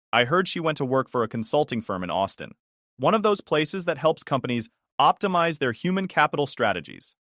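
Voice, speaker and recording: A man reading a scripted first-person story in an even, measured way. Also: mid-range voice, no echo, studio quality. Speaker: story narrator.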